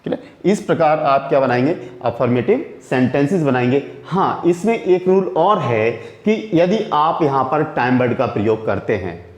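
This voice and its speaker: A man teaching English grammar in Hindi, often asking a question and answering it himself and repeating points slowly. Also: medium pitch, dull audio. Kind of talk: Hindi classroom-style grammar lesson. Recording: echoey room.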